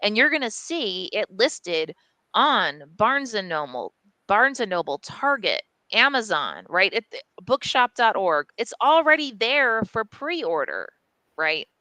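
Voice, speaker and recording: A woman editor tells a story in casual podcast chat, frank, lively and quick to swear. Her voice is bright and crisp, and the sound is dry and close with no room echo. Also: mid-range voice. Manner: animated storytelling, frank and profane, many fillers. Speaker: press editor.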